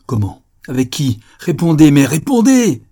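A man reading an audiobook, voicing a proud, outraged aristocratic father who shouts his demands. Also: fairly low pitch, moderate pace, breathy edge. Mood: enraged. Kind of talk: audiobook reading of a 19th-century novel.

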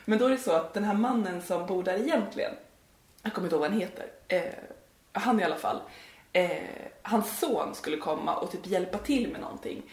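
A woman's voice: mid-range voice, expressive, a little mellow, echoey room. A woman co-hosting a podcast, telling a spooky story in a rambling, giggly way with many fillers. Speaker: podcast co-host.

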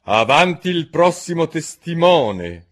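Guy doing a whiny nervous old king, kinda pompous, bright tone. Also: mid-range voice, very animated, a little slow, pitched above the performer's own voice. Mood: fretful. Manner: fussy, put-upon. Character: anxious weary old king, timid.

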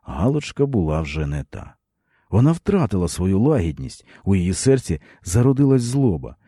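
A man narrating a literary story in an expressive, dramatic reading. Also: deep voice, normal speed, breathy edge, dry recording, clean studio sound.

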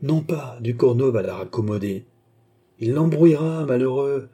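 A man's voice: mid-range voice, moderate pace, dark tone, breathy edge, lightly acted. A man voicing a proud, cold male secretary in a classic French audiobook, speaking with disdain. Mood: urgent.

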